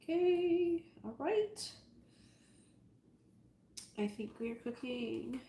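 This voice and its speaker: Her voice sits high with a dark tone, expressive and full of drawn-out words, and it sounds stuffy and nasal. She's hosting a live sewing tutorial, chatty and amused at herself as she greets viewers, in an echoey room with faint noise.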